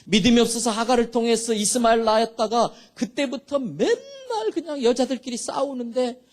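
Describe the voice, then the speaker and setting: A middle-aged man, a pastor, telling a personal story in an emotional sermon, swinging between soft and loud. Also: very high-pitched, animated, normal speed.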